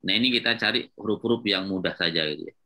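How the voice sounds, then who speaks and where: Man, Arabic grammar lesson, lowish pitch, bright tone, patient and repetitive. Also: very fast. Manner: patient, repetitive, checks with students often. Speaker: Islamic teacher of Arabic grammar. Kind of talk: classroom lecture at a whiteboard.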